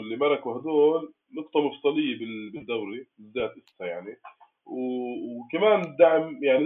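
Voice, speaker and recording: A man with a Palestinian Arabic accent discussing football casually as a fan, restarting his phrases as he goes, on a thin call line. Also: mid-range voice. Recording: tinny, phone-like call audio.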